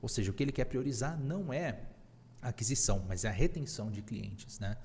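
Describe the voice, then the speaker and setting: A man's voice: medium pitch, a little fast, warm tone, in a large hall, slight background noise. A man with a Brazilian Portuguese accent hosting a live online English lesson, upbeat and teacherly, mixing English phrases into his explanations. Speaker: English teacher and podcast host.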